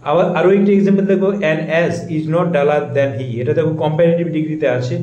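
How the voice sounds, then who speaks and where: A man's voice: a little high, warm tone, highs cut off. Man teaching grammar in an echoey room. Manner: asks questions and answers them himself, repeats points slowly; reads English example sentences slowly and carefully. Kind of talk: explaining a grammar lesson.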